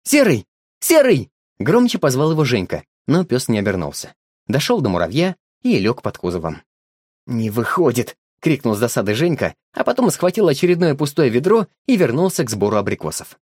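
A man narrating an audiobook in an expressive, lively storytelling manner. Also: medium pitch, fairly quick, dry recording, clean studio sound.

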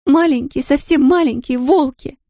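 An audiobook narrator voicing a tearful, frightened young girl with a strong Polish accent, speaking in halting, broken phrases. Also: high-pitched, mellow, dry recording, studio quality, voice pushed up. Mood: distraught.

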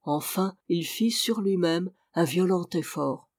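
A reader narrating a classic adventure novel in a measured, even storytelling voice. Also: medium pitch, no echo. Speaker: audiobook reader. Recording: dry, close recording.

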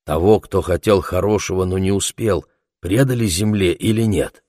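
A frail, very old shepherd speaks slowly and wearily in an audiobook, as a man reads him. His voice is low and resigned, and the sound is dry and close. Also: darkish tone, dry recording. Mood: weary. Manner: slow, weary.

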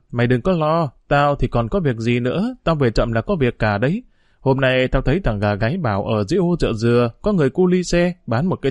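A man's voice: medium pitch, a little mellow, no room sound, natural voice. A man voicing a tough, protective young street boy with a hot temper, stern and threatening toward other children.

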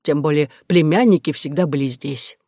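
A man reading the part of a lonely, humorous old widowed uncle in an audiobook, in a reminiscing, gently teasing manner. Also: fairly high pitch, moderate pace, breathy edge, no echo, studio quality.

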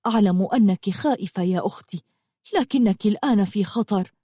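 A woman's voice: medium pitch, a little fast, warm tone, no echo, studio quality, natural voice. A woman voicing a protective older brother who urges and coaxes his sister in an earnest, pleading way in an audiobook. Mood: urgent. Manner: urgent, coaxing and pleading. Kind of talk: audiobook storytelling.

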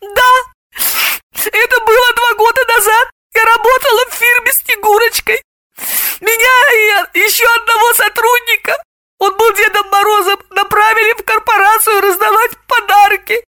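A woman's voice: fairly even intonation, unhurried, long pauses, pushed and bright, no echo, studio quality, exaggerated voice. A shrieking, sobbing young woman. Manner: shrill, frantic outbursts. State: crying.

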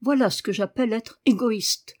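A woman's voice: fairly high pitch, moderate pace, darkish tone, close to an everyday voice. A woman reading aloud and voicing a sickly, spoiled young boy with a whiny, imperious way of complaining. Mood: petulant furious.

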